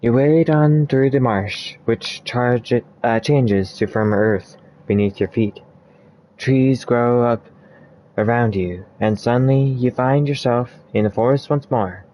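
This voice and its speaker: A man playing a text adventure game, reading its passages aloud slowly and commenting between them, with small slips and restarts, and troubled by hiccups. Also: mid-range voice, warm tone, a little hiss or hum, low-quality recording. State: has the hiccups. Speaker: let's play narrator.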